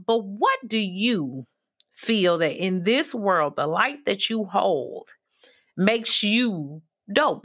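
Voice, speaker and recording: A woman's voice: medium pitch, fairly bright tone. A woman hosting an interview show, affirming and gushing over her guest. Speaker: podcast host.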